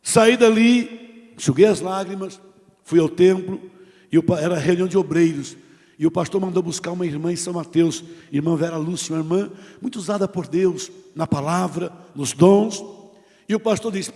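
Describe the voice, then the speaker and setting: A middle-aged man with a Brazilian Portuguese accent preaches a testimony sermon, his voice sitting high for a man. He tells his story with drama, sinking to near whispers and then rising to loud cries. A long church reverb trails every phrase. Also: normal speed. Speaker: pastor. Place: church sanctuary.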